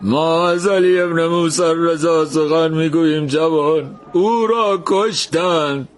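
A man voicing a grieving townsman who speaks slowly, choked with sorrow. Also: fairly high pitch, soft background music, voice pushed up, lightly acted. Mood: sorrowful. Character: grieving middle-aged townsman, slow and heavy.

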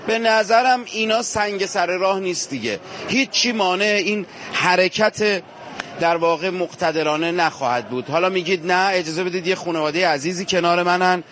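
A male field reporter with a slightly raised pitch speaks with fervent emphasis, turning from the camera audience to the families he meets. He stays outdoors among walking pilgrims, and his delivery is firm and heartfelt. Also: a bit bright, a little hiss or hum. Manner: fervent, emphatic, addresses viewers directly. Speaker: on-location reporter. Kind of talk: street interview on a pilgrimage walk.

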